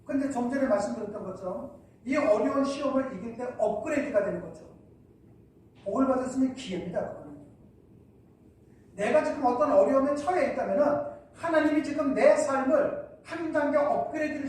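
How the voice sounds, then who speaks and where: Male pastor preaching from a distance in a church; booming echo, faint room noise. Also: a little mellow. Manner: preaching with rhetorical questions. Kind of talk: sermon. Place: church hall. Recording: echoey church from far off.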